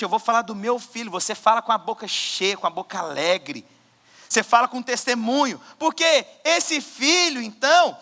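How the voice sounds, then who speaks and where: A man preaching a sermon as pastor, swinging between loud exhortation and quiet asides. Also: extremely high pitch. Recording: church hall with long reverb.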